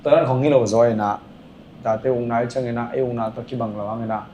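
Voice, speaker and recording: Fast-talking man in an echoey room. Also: medium pitch, dark tone. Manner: rapid, rambling storytelling with filler sounds. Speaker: podcast guest, dancer. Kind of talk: casual podcast chat. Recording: echoey room with faint ambient noise.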